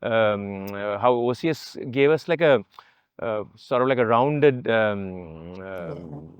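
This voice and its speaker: A man reminiscing about his school days in a casual chat, halting often with fillers and restarts. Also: on the low side, expressive, clear, resonant tone, muffled recording. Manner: hesitant, many fillers and restarts. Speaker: alumnus guest.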